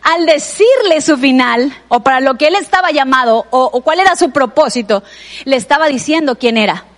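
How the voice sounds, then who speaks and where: A woman's voice: high-pitched, lively intonation, normal speed. A woman with a Mexican Spanish accent preaching a sermon in a conversational way, often turning to address the listener directly.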